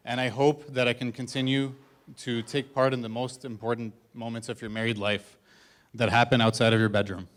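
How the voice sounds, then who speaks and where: A man giving a best man's toast at a wedding reception, joking and self-deprecating as he teases the groom. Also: mid-range voice.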